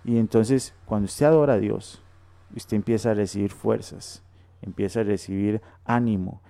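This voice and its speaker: Male radio co-host, low dark gravelly voice, exhortative with repeated phrasing. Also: steady tone, normal speed. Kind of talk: radio Bible teaching. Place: radio studio.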